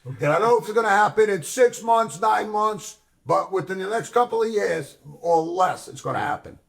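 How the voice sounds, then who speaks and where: A man's voice: high voice, lively intonation, moderate pace, vocal fry. A man in casual chat on a barbershop show, insistently repeating warnings and swearing freely. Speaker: regular on a barbershop talk show.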